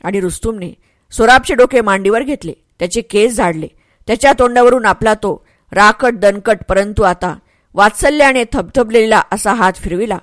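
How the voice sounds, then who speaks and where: A woman narrating an audiobook story in a dramatic, expressive way. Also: mid-range voice, moderate pace, dry recording.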